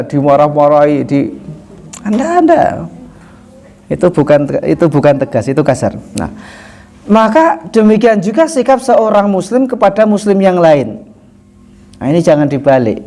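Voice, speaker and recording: A man teaching a religious lesson in a relaxed, conversational way, with rhetorical questions, frequent chuckles and slowly recited Arabic lines. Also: on the high side. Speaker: Islamic teacher. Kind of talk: sermon.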